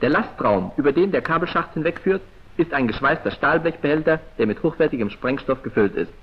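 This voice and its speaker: Heard through the dull, muffled soundtrack of a vintage 1940s training film, this male narrator speaks briskly. His fairly high, husky voice swings about with lively movement, and his declamatory delivery is formal, precise and clipped.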